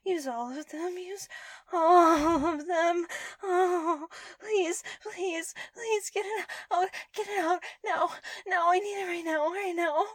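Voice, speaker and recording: A high, giggly anime-style young woman, breathy and pleading, with giggles breaking through, as a woman pitches her voice far up. The sound is dry and close. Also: fairly even intonation, slow pace, no echo. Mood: desperate. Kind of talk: intimate first-person audio roleplay.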